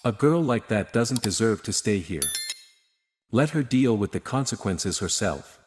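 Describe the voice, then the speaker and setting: A man's voice: lowish voice, expressive, unhurried, slight background noise. A man reading the lines of a cold, contemptuous mother in a storybook narration. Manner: disdainful.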